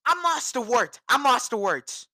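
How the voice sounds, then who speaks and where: A woman's voice: a little high, sing-song, measured pace, bright, forceful tone, no echo, clean studio sound. A woman from New England ranting about her team in an agitated, repetitive way. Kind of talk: ranting sports vlog.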